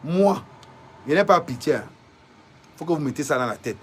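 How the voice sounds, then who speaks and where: A woman's voice: deep voice, expressive, normal speed, husky. A woman from Cameroon, delivering a defiant, fiery political rant to viewers, repeating rhetorical questions.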